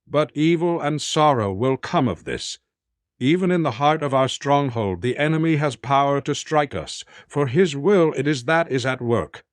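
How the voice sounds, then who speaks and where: A stern old wizard, as a man reads him speaks gravely and deliberately, in a middle pitch. The storybook audio is dry and close. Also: lively intonation, no echo, natural voice.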